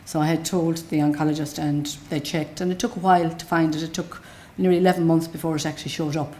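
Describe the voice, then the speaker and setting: A woman's voice: low-pitched, fairly even intonation, quick pace, warm tone. A middle-aged woman with a west of Ireland accent giving an unscripted personal account in a plain-spoken, matter-of-fact way. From Galway, west of Ireland. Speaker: patient telling their own story.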